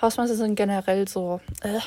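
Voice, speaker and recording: A woman's voice: mid-range voice, steady tone, a little fast, warm tone, dry recording. A teenage girl rambling casually to her listeners in a slangy way, slipping in English words. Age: teens. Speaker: vlogger.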